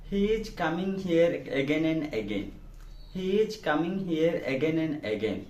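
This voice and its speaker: A man with a Telugu Indian accent teaching spoken English, saying each sentence quickly in Telugu and then repeating the English translation slowly and clearly. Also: fairly high pitch, big pitch swings, darkish tone, echoey room. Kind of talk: language lesson, reading sentences.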